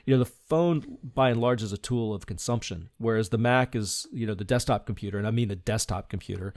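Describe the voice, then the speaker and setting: Low-voiced reflective man, dry sound. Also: fairly quick, darkish tone, dry recording. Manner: reflective, earnest, laughs lightly while talking. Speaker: podcast guest, design leader. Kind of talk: conversational interview.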